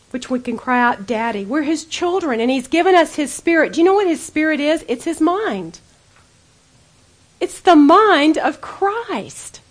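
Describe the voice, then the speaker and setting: A middle-aged woman with a high, light voice gives a Bible teaching to a group of women. She speaks earnestly and conversationally, addressing her listeners directly as if chatting with friends.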